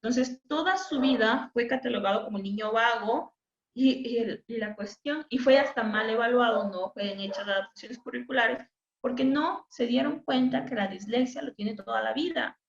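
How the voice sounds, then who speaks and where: A woman's voice: a little high, normal speed, creaky. A woman giving an informal webinar lecture with an Ecuadorian Spanish accent, talkative, often restarting and correcting her words as she tells anecdotes. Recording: echoey, dull webinar audio.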